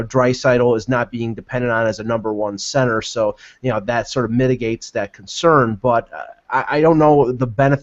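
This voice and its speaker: A man giving casual, opinionated sports commentary as a podcast panelist on a remote online call. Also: mid-range voice. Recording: dull lo-fi online call audio.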